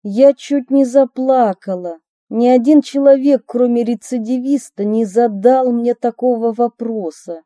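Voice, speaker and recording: A woman's voice: on the high side, a little slow, mellow, dry recording, clean studio sound. A woman reading her memoir aloud, telling the story expressively with a light ironic touch. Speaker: narrator of her own memoir.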